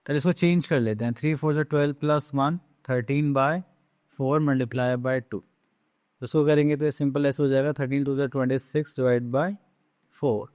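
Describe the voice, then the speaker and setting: A man teaching a math lesson on fractions, asking questions and answering them himself, slipping into English terms and reading numbers out slowly. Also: fairly high pitch, a little mellow, no echo, clean studio sound. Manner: drawn-out slow reading of numbers.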